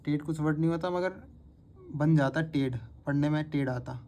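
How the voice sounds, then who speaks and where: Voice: medium pitch, normal speed, mellow. A shorthand teacher giving a patient step-by-step spoken lesson and repeating each word aloud several times. The teacher records the lesson on a phone.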